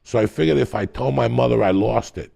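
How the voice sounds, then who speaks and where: Gravelly, profane New storyteller. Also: male voice, medium pitch, fairly quick, dark tone. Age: middle-aged. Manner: profane, rambling, laughing storyteller. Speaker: podcast host telling stories. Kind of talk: casual storytelling chat.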